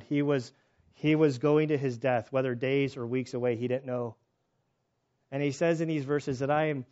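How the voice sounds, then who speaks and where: A man's voice: mid-range voice, darkish tone, muffled recording. A man preaching a sermon in a conversational way, mixing Scripture reading with stories and restarts. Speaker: pastor.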